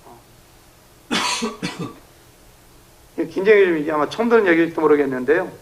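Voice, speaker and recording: A man's voice: fairly high pitch, moderate pace, noisy background. A male pastor preaching an emphatic revival sermon in a church, leading the congregation in reading. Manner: emphatic, animated, acting out shouted prayers. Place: church sanctuary.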